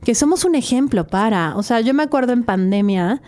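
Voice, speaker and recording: Chatty woman hosting, fairly high voice. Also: a little fast. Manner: lively, chatty, tells personal anecdotes. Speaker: podcast host. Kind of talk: conversational interview.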